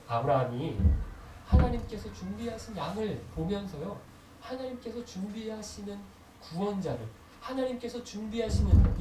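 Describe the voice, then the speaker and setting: A man preaching a sermon as pastor, posing questions to the congregation and answering them, slowing down to stress key phrases. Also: a little high. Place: church sanctuary. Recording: echoey hall from a distance with noise.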